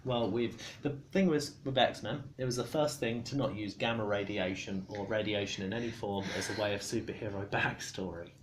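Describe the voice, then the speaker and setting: Drunk man rambling, with clear background noise. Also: on the low side, steady tone, normal speed, hardly any pauses. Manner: swears casually. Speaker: storyteller explaining comic book lore. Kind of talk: rambling, casual comic explanation.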